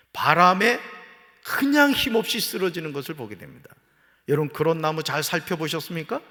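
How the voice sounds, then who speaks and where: A fairly high-pitched male pastor delivers a sermon in a church sanctuary. His voice carries a long hall reverb. He drops to hushed asides, then climbs into loud, rising exhortations.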